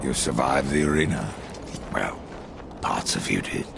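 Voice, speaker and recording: A man playing Death, a grim and sardonic horseman in a video game, dry, blunt and menacing, with a gravelly voice. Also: rumbling low, expressive, a little slow, background noise, full character voice. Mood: dry, probing. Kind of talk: video game cutscene acting. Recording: loud music behind.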